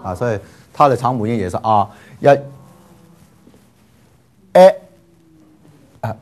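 A man teaching a class, leading drills with repeated syllables and playful asides. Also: fairly low pitch. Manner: slow, drawn-out, repeats syllables for students to follow; frequent filler particles, playful asides.

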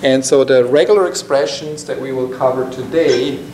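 A middle-aged man from Switzerland giving a technical talk to a small meetup, halting with many fillers and restarts. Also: medium pitch, a little mellow. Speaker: meetup presenter. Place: conference room, standing by a projector screen. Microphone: far camera. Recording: echoey room from far off, noisy.

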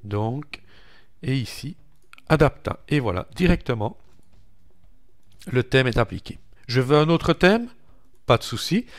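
A man with a French accent walking viewers through software on screen in a relaxed, chatty way, calling out each click with little interjections. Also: mid-range voice. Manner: slow, chatty, narrates each click with "voilà" and "hop". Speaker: tech tutorial host. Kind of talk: screen-recorded software walkthrough.

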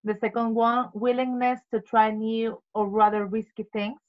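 A woman's voice: a little high, level tone, moderate pace. A woman presenting in an online meeting in careful non-native English, explaining and reading out definitions. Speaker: meeting member presenting word of the day. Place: video call. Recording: dull video-call audio.

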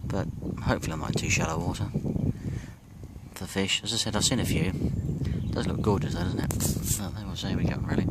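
A middle-aged man filming his own fishing trip, chatting casually and thinking aloud with pauses from behind a handheld camera by a lake. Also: deep voice, heavy background noise. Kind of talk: casual self-filmed commentary. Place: outdoors by a lake. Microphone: handheld camera from behind the lens. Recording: outdoor ambience with nature sounds.

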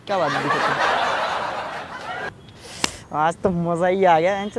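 A man's voice: on the high side, slow, heavy background noise. A man hosting a prank video, bantering teasingly in casual talk and repeating himself, recorded outdoors in a public place.

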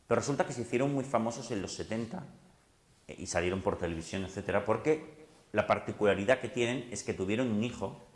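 A man with a Spanish accent from Spain, a psychologist giving a lively talk, who often acts out the lines of his patients and of himself in dialogue. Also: on the low side, reverberant. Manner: conversational, animated, voices patients and himself in dialogue. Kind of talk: lively public talk with acted quotes.

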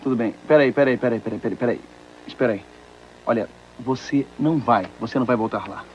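A man's voice: mid-range voice, fairly quick, lo-fi sound, a little hiss or hum, close to an everyday voice. A man voicing a wry, joking writer. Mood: calm. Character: witty, easygoing middle-aged male writer. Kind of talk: Brazilian Portuguese film dubbing.

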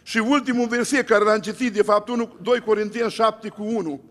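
A man's voice: high voice, fairly even intonation, in a large hall. A male pastor preaching a sermon, emphatic, with repeated lists and rhetorical questions.

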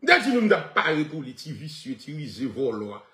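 A man telling a boastful story in an animated rant, laughing often as he talks. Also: on the high side, brisk, echoey room. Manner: animated, laughing, switching between Haitian Creole and French.

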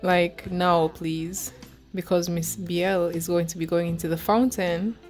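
A woman's voice: on the low side, fairly even intonation, unhurried, darkish tone, soft background music. A woman gaming YouTuber giving chatty, giggly let's-play commentary, bossing her characters around.

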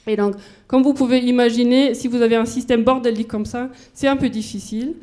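This woman's fairly high, warm voice stays fairly even in intonation and moves briskly. A German-accented physicist in her forties, she walks around a university lecture hall with a handheld mic, illustrating her conference talk with everyday examples.

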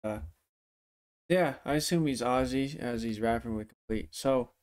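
A young adult man hosts music reactions from his living room, giving casual, slangy, profane commentary in a mid-range, darkish voice at a measured pace. His speech is affected by a swollen face and a sore tooth.

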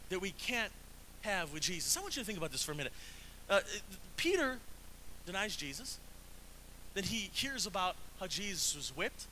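A man preaching with a high, very bright voice, talking to the congregation in a casual, animated way. He uses slang and acts out the voices he quotes with big jumps in pitch. A faint hiss sits under the recording. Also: rough recording. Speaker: pastor. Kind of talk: sermon.

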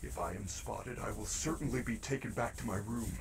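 An actor voicing a gentle, kindly male robot mascot bear in a video game, speaking softly, politely and encouragingly with a gravelly, breathy voice. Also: lowish voice, fairly quick. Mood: gentle, caring. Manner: soft, caring, polite and encouraging. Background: game music.

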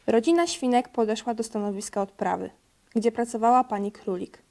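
A woman with a fairly high voice reads a children's picture book aloud. Her reading is steady and clear, with a small stumble over a word now and then. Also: a little fast. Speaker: storybook reader.

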